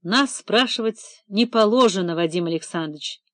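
A woman reading an audiobook, voicing a calm, firm young male police detective who speaks in a measured, curt, official way. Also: fairly high pitch, no echo, studio quality, close to an everyday voice.

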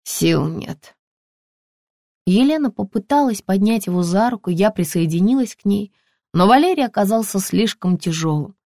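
Brief: female audiobook narrator, measured first-person reading, dead-dry studio. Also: medium pitch, animated, warm tone, no room sound.

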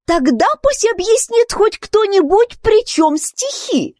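A woman doing a high, indignant young girl, Alice. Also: expressive, a little slow, a little mellow, no room sound, clean studio sound. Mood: exasperated. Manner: high, protesting, argumentative.

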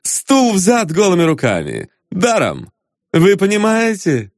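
A man's voice: high-pitched, huge pitch swings, slow, dry recording, voice pushed up, heavily acted. Guy doing a stern brash swindler, bossy and clipped, dry close mic. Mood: boastful. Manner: curt, commanding. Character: stern, brash male con man.

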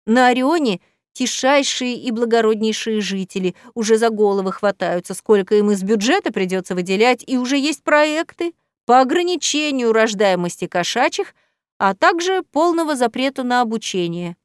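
A woman's voice: on the high side, lively intonation, moderate pace, clean tone, no room sound, studio quality, close to an everyday voice. Woman reading a teasing, ironic heroine. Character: playful ironic young woman teasing her cat friend. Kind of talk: audiobook character voice.

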